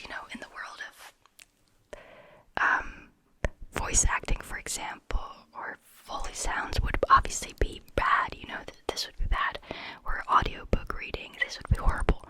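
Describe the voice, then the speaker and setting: An ASMR creator speaks entirely in a breathy whisper. The mouth is almost on a very sensitive microphone, so every word lands right up close. Words are often stretched out slowly in a casual, talk-to-the-viewer way. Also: poor audio. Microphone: very close, high-sensitivity microphone.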